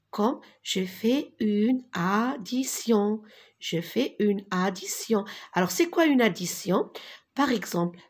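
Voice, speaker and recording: A woman with a slightly husky voice gives a reading lesson to small children. She speaks very slowly and deliberately, sounding out syllables and repeating each word so the pupils can follow. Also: medium pitch. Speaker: teacher.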